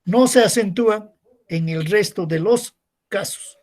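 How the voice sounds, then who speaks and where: A man's voice: high voice, a little slow, a little mellow. A male secondary school teacher giving a recorded class, explaining step by step and asking rhetorical questions to his students.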